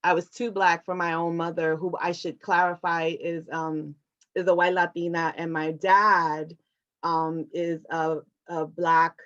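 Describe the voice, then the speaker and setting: Low-voiced woman, earnest and reflective. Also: little pitch movement, measured pace, a bit bright, dull audio. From Puerto Rico. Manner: reflective, earnest, says "right?" often. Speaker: award recipient, activist. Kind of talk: conversational answer in an online talk.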